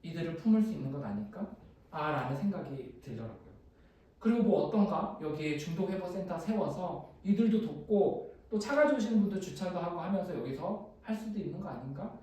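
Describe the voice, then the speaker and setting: Male pastor, sermon, storytelling delivery, lively pitch, echoey room, mic at a distance. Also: a little fast. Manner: personal storytelling, shifting from animated to hushed. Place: small church room.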